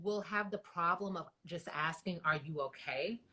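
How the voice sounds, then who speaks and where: A woman's voice: lowish voice, normal speed, pushed and bright. A woman hosting an interview, talking in an emotional, rambling way with many restarts. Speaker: host. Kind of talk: interview host.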